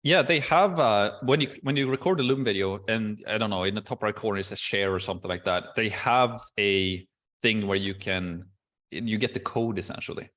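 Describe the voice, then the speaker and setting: A man hosting a casual Q&A video call, explaining processes step by step in a relaxed way with many fillers. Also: fairly low pitch, normal speed. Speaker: course host answering questions.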